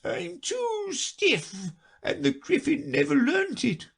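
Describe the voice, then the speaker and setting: A man voicing the Mock Turtle, a sobbing, self-pitying storybook creature who wails his words slowly. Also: sing-song, gravelly, exaggerated voice. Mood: mournful. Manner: slow tearful wail, high and quavering.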